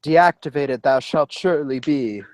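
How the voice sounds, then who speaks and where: C-3PO, read by a man, fussy and high. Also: unhurried, no echo, natural voice, poor audio. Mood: fussy indignant. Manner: fussy, scolding verse delivery. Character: fussy pompous golden male droid. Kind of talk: live Shakespearean verse reading.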